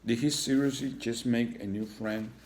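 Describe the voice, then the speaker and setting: A man's voice: medium pitch, fairly even intonation, normal speed, a little mellow, a little hiss or hum. A man reading a children's story aloud, now and then adding chatty asides to his listeners. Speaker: reader.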